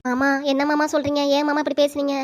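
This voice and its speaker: Brief: cartoon daughter-in-law, anxious, devoted, rapid pleading, woman voicing. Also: high-pitched, completely flat delivery, natural voice. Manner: rapid pleading, repeated appeals. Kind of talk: amateur cartoon voice acting.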